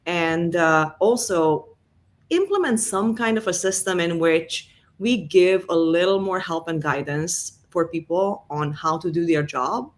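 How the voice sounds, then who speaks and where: A Hungarian-accented woman speaks at a fairly low pitch and an unhurried pace. She's a revenue enablement executive appearing as an interview guest, walking through her career conversationally with plenty of fillers.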